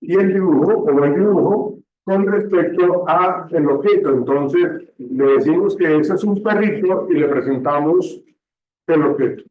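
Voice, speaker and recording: Male teacher lecturing slowly, keeps checking in with the class, kinda high voice, dull distant recording. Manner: slow, checks understanding with frequent "¿sí?". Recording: echoey room, distant mic, dull sound.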